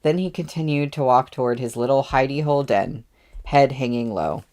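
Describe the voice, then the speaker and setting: A man's voice: mid-range voice, moderate pace, a little mellow. A man reading a novel aloud as narrator, with offhand asides between passages. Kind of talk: audiobook readalong.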